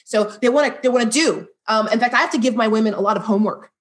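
A woman's voice: fairly high pitch, racing. A middle-aged woman, a divorce lawyer and life coach, telling personal stories as a guest in a candid chat and acting out the dialogue. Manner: animated, acts out quoted dialogue. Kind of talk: candid conversational storytelling.

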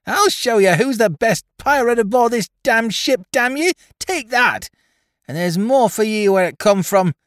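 A man voicing a drunken, vicious boy pirate with a shrill, cursing voice. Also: lively intonation, takes it slowly, hardly any pauses, fairly bright tone, no echo, clean studio sound, full character voice. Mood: drunken threatening.

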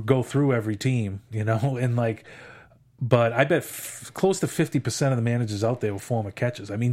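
A man's voice: medium pitch, a little mellow. A man with an American accent hosting casual sports talk in a rambling, hesitant way. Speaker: sports podcast host.

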